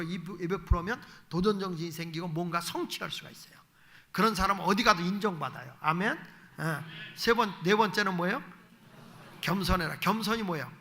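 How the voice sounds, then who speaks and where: A man's voice: high voice, pushed and bright. A middle-aged male pastor giving an evening sermon in a folksy way, acting out little dialogues as he preaches.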